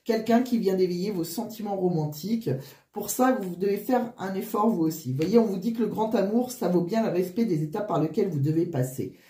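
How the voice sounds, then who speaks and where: A woman giving a casual card reading, wheezy and short of breath with flu, halting and often restarting her phrases. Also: mid-range voice, mellow, reverberant. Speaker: tarot card reader.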